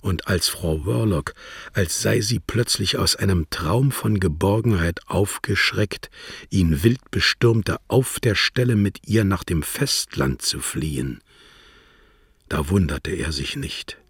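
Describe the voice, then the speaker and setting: A man narrating a literary audiobook in a measured, calm storytelling manner. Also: low-pitched, slightly rough, no echo. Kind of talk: audiobook reading.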